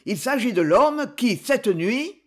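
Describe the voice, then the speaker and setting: Brief: man doing a harsh, jealous young prelate, husky and lively. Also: very high voice, slow pace, voice pushed up, full character voice. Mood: angry. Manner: harsh and wrathful. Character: jealous, stern young male cardinal-bishop.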